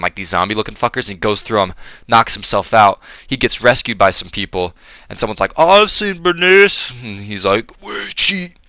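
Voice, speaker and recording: A man's voice: on the low side, sharp tone, no room sound. A man giving a casual, rambling, profane spoken review of a film, full of fillers and restarts.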